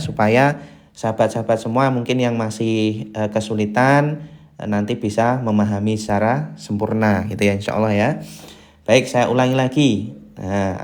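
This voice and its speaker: A man teaching beginners to read the Quran in a live lesson, chanting syllables slowly to a set tune and greeting viewers as they join. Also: mid-range voice, darkish tone. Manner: slow, patient drilling of syllables in a chanted tune; reads viewer greetings aloud and answers them.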